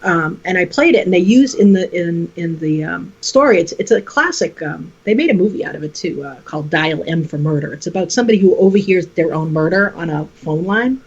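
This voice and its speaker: An earnest, chatty woman talks about media with a teacher's care, agreeing readily as she goes. Her voice is husky at a middling pitch. The sound is dull and lo-fi. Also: lively intonation, brisk, hardly any pauses, darkish tone. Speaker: teacher and guest. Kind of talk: casual chat.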